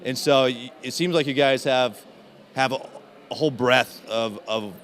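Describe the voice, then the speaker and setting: Guy chatting at a conference interview, lots of ums and restarts, mid pitch. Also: fairly bright tone, a little hiss or hum. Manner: chatty, halting, many fillers and restarts. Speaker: interview guest, in-house SEO specialist.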